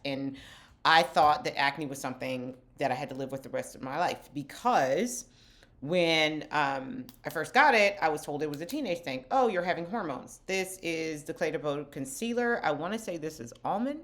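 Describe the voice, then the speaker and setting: A woman's voice: low voice, expressive, normal speed, a bit bright. A middle-aged woman, a skincare company founder, chatting candidly while doing her makeup for a vlog. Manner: candid, chatty, self-deprecating. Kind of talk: get-ready-with-me makeup chat.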